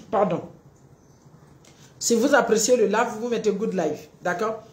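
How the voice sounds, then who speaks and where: A woman coach talks through a live stream in a fairly high voice. Her pitch jumps around a lot as she acts out quarrels between partners, and her voice rings in an echoey room. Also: gravelly. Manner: animated, acts out both partners in quick little dialogues. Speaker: relationship coach.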